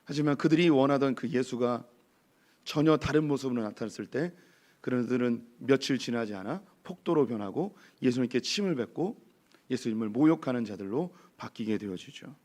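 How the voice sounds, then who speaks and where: A male pastor with a hoarse voice preaching a sermon in church, lively and peppered with rhetorical questions to the congregation. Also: medium pitch, normal speed. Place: church sanctuary.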